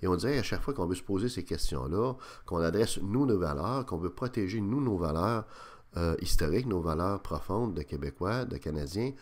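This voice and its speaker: A man's voice: low-pitched, lively intonation, a little fast. A man with a Quebec French accent giving a radio opinion monologue, hesitant with many fillers and restarts. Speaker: radio commentator.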